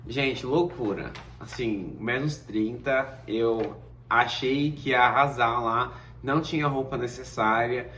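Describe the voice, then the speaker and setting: A man's voice: mid-range voice, slow pace, recorded from a distance. A Brazilian man in his thirties, a vlogger casually telling a personal story and acting out the dialogue. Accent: Brazilian Portuguese. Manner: lively, acts out dialogue in quotes. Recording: roomy echo, away from mic, faint noise.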